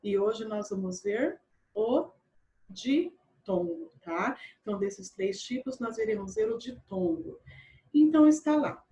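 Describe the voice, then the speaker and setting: A woman teaching a primary school grammar lesson online, patient. She repeats and spells out words slowly and often checks in with her pupils. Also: medium pitch, expressive, dark tone.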